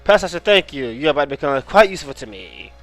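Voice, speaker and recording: A man voicing a grandiose evil castle overlord from a video game with slow, theatrical menace. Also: a little high, very animated, fairly bright tone, faint music behind. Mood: smug menace.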